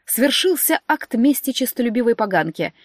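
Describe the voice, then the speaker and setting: A woman reading a story aloud as narrator, animated and shifting her voice for dialogue. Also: moderate pace, no echo, clean studio sound. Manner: animated, raises pitch and volume for dialogue. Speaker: audiobook narrator.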